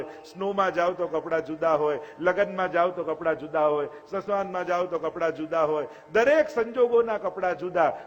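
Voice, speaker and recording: A man with a Gujarati accent delivers a devotional discourse in a fairly high voice, conversational and full of rhetorical questions. He sounds lo-fi and dull, with long hall reverb and faint music behind. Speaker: Vaishnav acharya giving a discourse.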